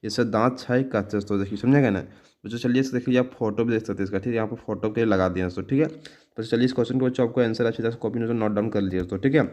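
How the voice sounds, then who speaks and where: Man, teacher, quick delivery, mid pitch, repeats "okay" constantly, stumbles over words while reading. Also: steady tone, a little mellow. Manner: fast, repetitive, calls listeners "friends" and "children"; says "okay" after nearly every sentence. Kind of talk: exam solution lesson.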